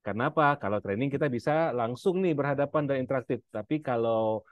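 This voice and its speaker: A man's voice: medium pitch, fairly quick, no echo, lo-fi sound. A man from Indonesia casually promoting an inheritance-law training course to a live audience. He addresses listeners directly and fills his talk with "nah" and hesitations.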